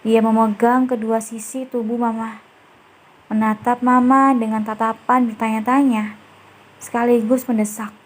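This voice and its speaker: A woman narrating a romance novel aloud in a calm, measured storytelling manner. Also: fairly high pitch, faint music behind, rough recording. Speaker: audiobook narrator.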